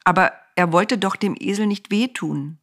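A woman narrating a children's storybook aloud in an expressive, lively way. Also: mid-range voice, normal speed.

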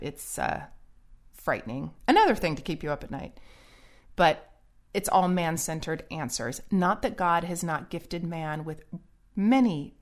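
A middle-aged woman giving earnest, preachy solo commentary in a warning tone. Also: lowish voice.

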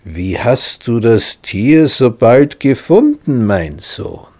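A man voicing Isaak, an old blind father who is suspicious and questions slowly and deliberately. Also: medium pitch, very animated, a little mellow.

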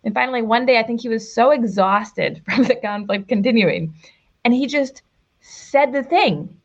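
A woman's voice: a little high, normal speed, muffled recording. A woman relationship coach speaking as a guest in a casual interview, with a direct and emphatic coaching tone.

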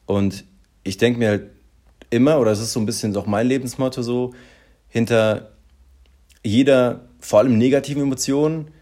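A man telling an everyday story in casual chat, animated and full of fillers, acting out the people he quotes. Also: medium pitch, normal speed, pauses often.

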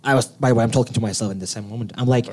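A young man from Turkey speaks with a Turkish accent as a guest in a casual interview. He's excitable, animated and a little nervous, laughing frequently, and talks very fast in a mid-range voice.

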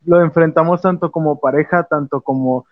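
Young man, halting and dull-sounding. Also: a little high, steady tone, no echo. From Mexico. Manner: hesitant, many restarts and fillers. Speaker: musician guest. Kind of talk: casual interview answers.

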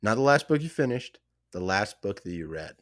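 A man hosting a podcast, relaxed and agreeable, asking questions with plenty of fillers. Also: lowish voice, brisk. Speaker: podcast host. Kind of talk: casual podcast interview.

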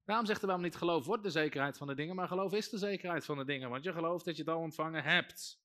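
A man's voice: on the high side, racing, bright, forceful tone. A man, a pastor, preaching a sermon and calling out to his congregation. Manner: preaching with rising emphasis and calls to the congregation.

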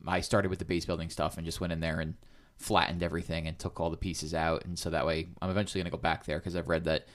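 A man's voice: sits low, flat delivery, quick pace. A man in casual chat, telling rambling, self-correcting anecdotes.

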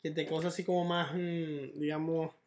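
A man's voice: fairly high pitch, level tone, moderate pace, darkish tone. A man hosting a casual podcast chat, playful and rambling as he asks questions. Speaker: podcast host.

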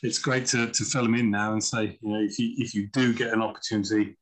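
A man's voice: fairly low pitch, little pitch movement, quick pace, low-quality recording. Chatty Englishman telling stories. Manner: chatty anecdotal storyteller, acts out quoted voices. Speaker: guest, chess author. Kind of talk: casual podcast interview.

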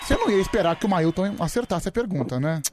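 A man's voice: high-pitched, animated, quick pace, crowd noise. A Brazilian man co-hosting a radio show in casual, jokey chat, often repeating words for emphasis. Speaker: radio co-host. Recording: music playing clearly behind voice. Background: music bed.

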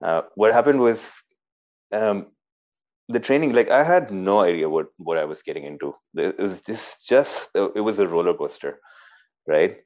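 A man with a Pakistani accent and a deep voice chats informally as he tells stories. He often stumbles and repeats words as he goes. The recording sounds a little muffled. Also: lively intonation, normal speed, a little mellow. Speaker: interview guest, former army cadet. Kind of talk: casual conversational storytelling.

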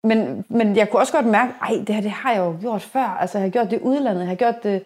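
A woman in her forties hosting a podcast, chatting casually and telling stories in a lively way with many restarts. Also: medium pitch, slightly rough. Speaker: podcast host. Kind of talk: casual conversation.

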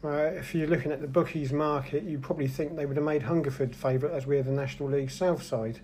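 A man's voice: fairly high pitch, fairly even intonation, fast, warm tone, a little hiss or hum. A man co-hosting a casual football chat, wry and self-deprecating. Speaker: co-host.

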